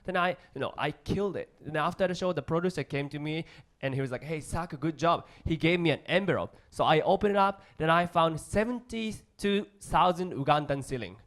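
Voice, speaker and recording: A man from Japan with a strong Japanese accent performs stand-up comedy in simple, halting English, acting out short dialogues. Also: fairly high pitch, animated, fairly bright tone. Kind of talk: stand-up comedy routine before a live audience.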